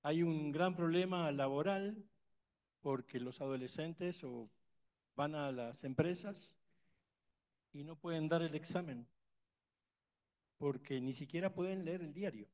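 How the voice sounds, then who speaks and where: This conference attendee, who has an Argentine Spanish accent, poses a question from the audience in an impassioned, emphatic way, rambling and restarting often. His voice is a little high and a little mellow.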